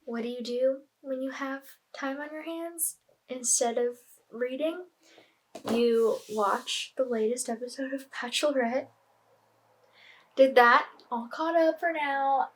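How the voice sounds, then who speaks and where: A woman's voice: high-pitched, unhurried, rough recording. A woman in a casual vlog chatting about what she is reading, rambling with lots of fillers. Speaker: book vlogger. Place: at home on a lunch break.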